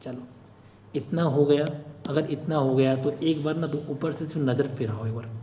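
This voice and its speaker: A man's voice: a little high, normal speed, dark tone, a little hiss or hum. A man tutoring for a government exam, explaining step by step with frequent checks and everyday examples. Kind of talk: informal screen-share lecture. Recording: echoey room with long reverb.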